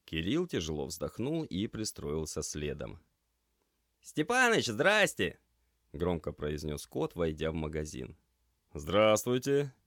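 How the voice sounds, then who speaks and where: A man narrating a story as an audiobook reader, in a measured storytelling manner. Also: very deep voice, animated, darkish tone, no room sound, studio quality. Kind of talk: scripted narration.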